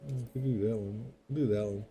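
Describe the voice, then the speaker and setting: A man talking his way through a video game in casual commentary, half muttering to himself. His voice is very dark and mellow, at an ordinary pitch. Quiet music plays under him. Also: brisk. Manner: muttering to himself while playing. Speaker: gamer, video host.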